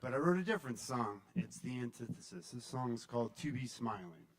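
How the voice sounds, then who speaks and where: A man with a heavy echo on his voice, introducing himself as a musician at an open mic in a halting way with many fillers. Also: mid-range voice, lively intonation, loud music behind the voice. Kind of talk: hesitant stage introduction.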